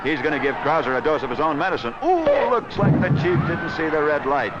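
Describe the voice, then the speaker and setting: A man with a voice on the high side gives brisk, sing-song commentary on a wrestling match for a 1940s newsreel. The scripted narration is slangy, theatrical, and wisecracking, heard through an old 16mm film soundtrack that's noisy and dull.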